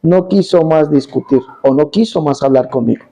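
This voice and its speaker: A man's voice: fairly high pitch, normal speed, warm tone, rough recording. A man preaching a Bible teaching, emphatic, repeating his points and asking rhetorical questions.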